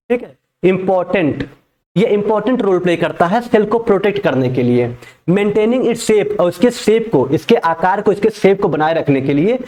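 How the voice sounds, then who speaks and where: Man, young adult, high voice, teacher, repeats each point twice, slow read-aloud. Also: a little mellow. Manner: repeats each point in Hindi and English, reads English lines slowly. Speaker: pharmacy teacher. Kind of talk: exam-prep lecture.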